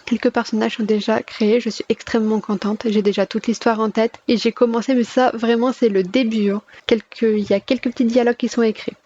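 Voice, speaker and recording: A woman's voice: on the high side, steady tone, fairly quick, hardly any pauses, warm tone, dull audio. A woman gives a casual channel update in a chatty, self-correcting way, recorded at home. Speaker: gaming YouTuber. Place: at home, alone.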